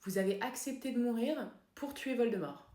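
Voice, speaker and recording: A woman playing a calm, dry female psychotherapist in a comedy sketch, speaking softly and deadpan. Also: on the high side, echoey room, pitched above the performer's own voice, natural voice. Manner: soft-spoken, measured, deadpan.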